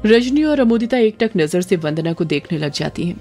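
A woman's voice: fairly low pitch, lively intonation, normal speed, dark tone. Woman narrating a horror story. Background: faint background music.

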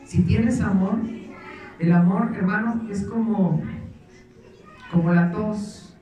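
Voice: medium pitch, fairly even intonation, slow, mellow, distant mic, soft background music. A pastor preaching and leading a prayer at a church service, exhorting the congregation in a repetitive prayer cadence. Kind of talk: sermon and led prayer. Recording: echoey church hall, off-mic, congregation audible.

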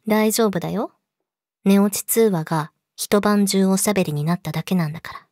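A woman's voice: medium pitch, expressive, normal speed, no echo, clean studio sound. A woman playing a clingy, possessive yandere girlfriend in an intimate pillow-talk role-play, coaxing and insistent. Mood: coldly menacing.

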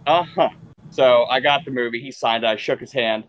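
A man's voice: mid-range voice, normal speed, lo-fi sound. A man co-hosting a casual podcast, telling rambling stories about meeting people and acting out the quotes. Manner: rambling storyteller, animated when acting out quotes. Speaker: podcast co-host. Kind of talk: casual chat.

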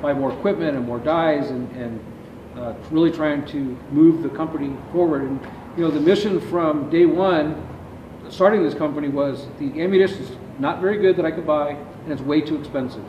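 Speaking at normal speed in a slightly high, somewhat mellow voice, the founder of an ammunition company gives lengthy interview answers about his business, moving his hands as he talks. He's a middle-aged man standing in a big indoor warehouse with shelving. A far-off camera captures him, so the audio sounds echoey and dull with noticeable background noise.

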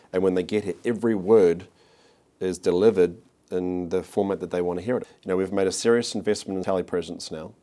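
In a corporate interview, a marketing executive in his forties answers with a New Zealand accent, his very deep, low voice carrying a darkish tone. He hesitates, uses fillers, and restarts sentences often. He's seated on a studio set, recorded with a clip-on mic.

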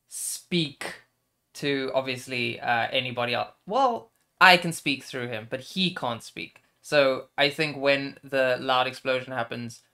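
A man drawls slowly through his turn at a tabletop game, halting and joking as he goes. His pitch sits in a middling range. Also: bright, forceful tone. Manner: unhurried, halting with fillers, joking. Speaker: player. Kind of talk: casual tabletop play.

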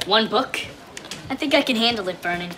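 A woman's voice: on the high side, expressive, a little fast, background noise, natural voice. A young woman playing an indignant, blunt teenage boy turned girl in a TV teen comedy. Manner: exasperated, emphatic. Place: indoor film set.

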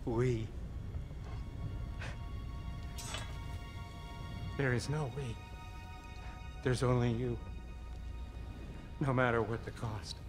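A man's voice: mid-range voice, lightly acted. An actor playing a bitter, grieving man betrayed by his friends in a video game, with a biting, emotional delivery. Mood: cold fury. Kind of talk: video game drama acting.

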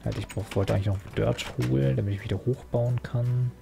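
A man's voice: medium pitch, fairly even intonation, brisk, creaky, over music. A young man commenting casually while he plays a video game, rambling and mocking himself, with many fillers and restarts. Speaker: Let's Play host.

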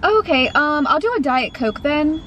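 Young woman vlogger ordering at a drive-through; slightly high, courteous, some ums, light road hum. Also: lively intonation, moderate pace, highs cut off. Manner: polite, hesitant with fillers. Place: inside a car.

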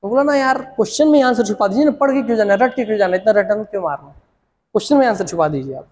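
A young man with a Chhattisgarhi accent giving an animated exam coaching lesson, repeating words and using memory tricks. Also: high voice, fast, in a large hall. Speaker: teacher.

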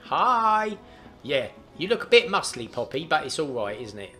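A man's voice: on the high side, sing-song, moderate pace, bright, forceful tone, soft background music. A man hosting a casual game stream, coaxing and playful as he guides a child. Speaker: gaming channel host. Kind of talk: casual let's-play chat with a child.

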